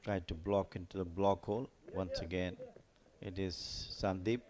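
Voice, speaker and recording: A man with a fairly low voice gives live cricket commentary. He explains play and players in loosely phrased analysis. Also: flat delivery, normal speed, crowd noise.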